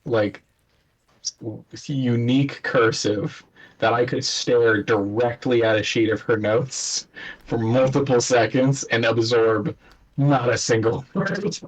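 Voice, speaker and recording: A man's voice: mid-range voice, steady tone, slow, rough recording. A man playing in an online tabletop game, chatting casually and teasing the others. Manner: teasing, joking. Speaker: player.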